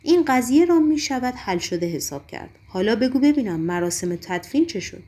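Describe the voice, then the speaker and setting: A brooding middle-aged Roman governor, weary and commanding, asking his questions in a measured audiobook reading, as a woman reader gives his lines. The voice sits rather high. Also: very animated, mellow.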